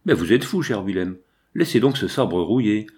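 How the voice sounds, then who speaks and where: A man's voice: lowish voice, expressive, moderate pace, darkish tone, natural voice. A man reading a pleading French officer. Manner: urgent, pleading.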